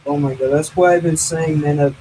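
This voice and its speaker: Young guy host, kinda high voice, ums and uhs everywhere, voice call. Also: steady tone, brisk, dark tone, slight background noise, rough recording. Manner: rambling, lots of fillers. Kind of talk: casual chat over voice call.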